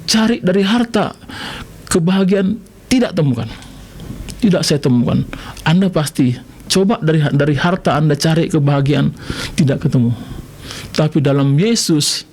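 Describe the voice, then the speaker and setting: A middle-aged man from Medan giving a lively preaching testimony as a pastor on live radio, jumping between loud exclaims and low asides. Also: moderate pace, long pauses. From Indonesia, Medan. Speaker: pastor guest.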